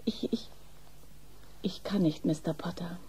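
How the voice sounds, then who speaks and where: An actress playing a shy, flustered young nurse, hesitant and polite, with a soft breathy voice in a German horror radio play. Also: female voice, on the high side, animated, normal speed, rough recording.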